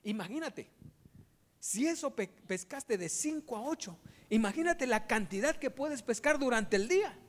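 Man doing a pushy educated type in a parable, insistent, gets loud. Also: very high-pitched, expressive, normal speed. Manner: insistent, rising to loud exclamations.

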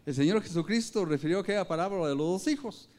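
A man delivers a sermon, his slightly high voice swinging widely in pitch and loudness for emphasis. He speaks directly to the congregation, calling them brothers and parents. Scripture quotes come out with rising force. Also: animated, fast. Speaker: preacher.

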